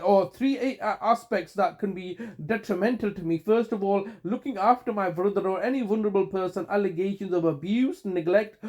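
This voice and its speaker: A man's voice: high voice, a little mellow. A man leaving a long phone voicemail, aggrieved and accusatory, often stopping to restart his sentences. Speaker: caller.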